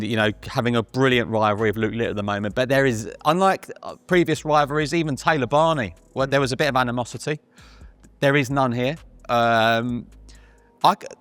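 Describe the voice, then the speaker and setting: A man's voice: medium pitch, a bit bright, no echo. A man talking darts as a guest pundit in a casual panel discussion, chatty and emphatic, often restarting his sentences.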